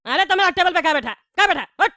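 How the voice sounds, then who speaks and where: A woman's voice: very high voice, expressive, racing, sharp tone, a little hiss or hum, full character voice. A woman voicing a rude, hot-headed bald widower who rants with insults and threats. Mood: angry. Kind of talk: cartoon voice acting.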